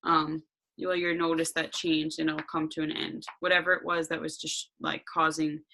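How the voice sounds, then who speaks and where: Bright-voiced woman guiding listeners, low-pitched. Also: flat delivery, moderate pace, vocal fry, slight background noise. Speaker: meditation guide. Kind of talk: reading astrology notes, casual asides and slow guided meditation.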